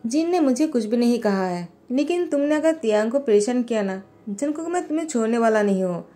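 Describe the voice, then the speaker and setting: A woman's voice: fairly high pitch, lively intonation, fairly quick, warm tone, soft background music, close to an everyday voice. A woman voicing a protective older brother figure who speaks sternly but with care. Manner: stern, caring.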